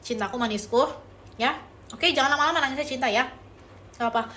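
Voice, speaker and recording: A woman's voice: high-pitched, fast talker, pushed and bright, slight background noise. A young woman hosting a casual livestream, answering viewer chat with relationship advice and calling viewers pet names. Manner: affectionate, calls viewers pet names, mixes in English phrases.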